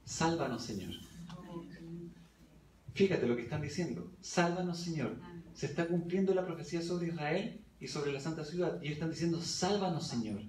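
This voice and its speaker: Recorded from afar in an echoey church hall with slight background noise, a man gives a Bible study sermon at a moderate pace. His voice is fairly high with a darkish tone, and he reads scripture aloud while questioning the congregation.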